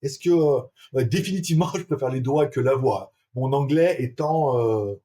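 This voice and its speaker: A man with a medium-pitched, dark-toned voice talks at a normal pace while reviewing a webcam in casual French. He's chatty and laughs a lot, addressing viewers directly through the webcam's built-in microphones. The room has a small fan and an air conditioner running.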